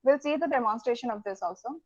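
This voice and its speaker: A woman teaching programming over slides, talking in a halting way with many fillers and restarts. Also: a little high, expressive. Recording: dull lo-fi recording.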